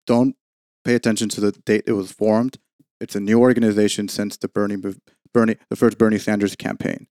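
A man's voice: fairly low pitch, darkish tone, smooth, dry recording, studio quality. A man speaking as a guest on a casual podcast panel, in an assertive, argumentative way.

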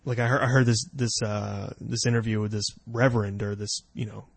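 A man's voice: lowish voice, level tone, fairly quick, gravelly, no echo. Rambling man in casual chat. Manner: rambling, laughs often, lots of fillers.

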